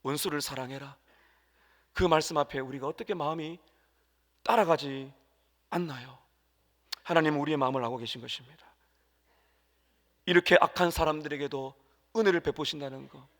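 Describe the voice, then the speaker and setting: A man preaching a sermon as pastor, emphatic, jumping between loud exclamations and quiet asides and acting out quoted prayers. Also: a little high, a little fast, long pauses. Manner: acts out quoted prayers and dialogue. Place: church sanctuary. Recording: long hall reverb.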